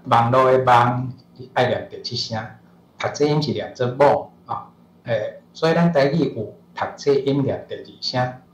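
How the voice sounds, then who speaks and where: Taiwanese guy professor lecturing, keeps clearing his throat, middle pitch, echoey room. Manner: explanatory, frequent throat clearing and filler particles. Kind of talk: online lecture. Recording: roomy echo.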